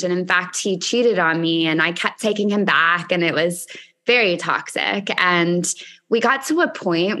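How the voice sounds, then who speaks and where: A woman's voice: fairly low pitch, a bit bright. A woman hosting a podcast conversation, speaking earnestly with frequent "like" fillers and easy laughter. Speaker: podcast host. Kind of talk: casual conversational interview.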